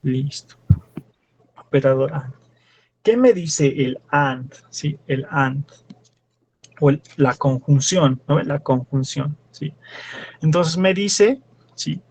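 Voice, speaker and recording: A man's voice: a little high, slow pace, pauses often, darkish tone, a little hiss or hum. A young man with a Bolivian Spanish accent, a teaching assistant working through problems step by step in class and quizzing his students. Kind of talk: classroom lecture.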